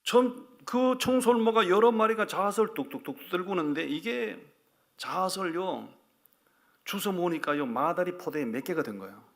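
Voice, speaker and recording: A man's voice: high voice, expressive, normal speed. A male pastor preaching a sermon with folksy, humorous storytelling and direct exhortation.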